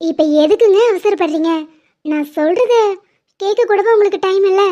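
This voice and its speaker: A woman's voice: very high-pitched, normal speed, warm tone, lo-fi sound. A woman voicing an emotional, impulsive young woman in a dubbed cartoon drama, talking with urgent, tearful pleading. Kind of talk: Tamil cartoon dubbing.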